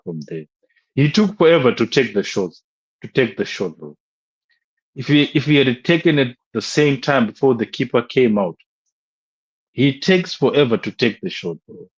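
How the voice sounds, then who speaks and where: A man's voice: medium pitch, slightly rough, lo-fi sound. A young man on a live stream, ranting about a football match, repeating himself in exasperation and tossing in "bro" constantly.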